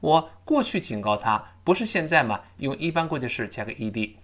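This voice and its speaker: A man teaching an English lesson, drilling pronunciation with slow, emphatic repetitions. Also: medium pitch, big pitch swings, a bit bright.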